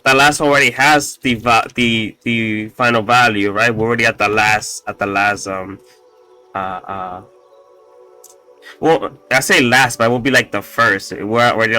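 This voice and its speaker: In this casual screen-recorded walkthrough, the coding tutorial host explains his code in a bright, pushed, mid-range voice with a slight rasp. His delivery stumbles with fillers and false starts, and now and then he drops a profane aside.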